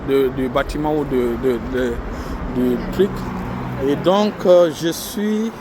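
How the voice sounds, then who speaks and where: Man, walking vlog, slow halting speech, city traffic and subway noise. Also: on the high side, animated. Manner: slow, repetitive, halting explanation with many fillers. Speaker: vlogger. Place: outdoors on a city street, then down into a subway station. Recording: street and subway noise behind the voice.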